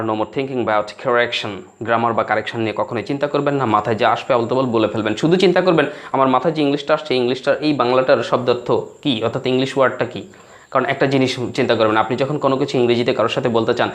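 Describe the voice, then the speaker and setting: Bengali man teaching spoken English. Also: mid-range voice. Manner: explains in a mix of Bengali and English, acts out learners' broken English.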